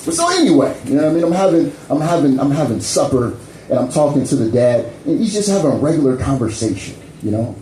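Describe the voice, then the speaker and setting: A man's voice: on the high side, big pitch swings, fast, a little hiss or hum. A man doing a stand-up set, telling a story while constantly checking in with the crowd. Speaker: stand-up comedian. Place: comedy club stage. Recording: echoey club mic with loud crowd.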